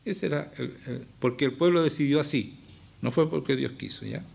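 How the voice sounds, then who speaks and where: A man's voice: on the high side, normal speed, creaky, darkish tone, husky. A man with a Chilean accent preaching a sermon as pastor, emphatic and often firing questions at the congregation. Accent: Chilean Spanish.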